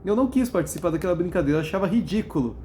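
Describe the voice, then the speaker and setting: A profane, blunt vlogger tells stories straight to camera in loose slang, with a voice pitched in the middle range. They laugh at their own anecdotes and mimic other people's voices when quoting them. A faint hum of room ambience sits underneath. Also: animated, rapid-fire, mellow. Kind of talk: casual rant to camera.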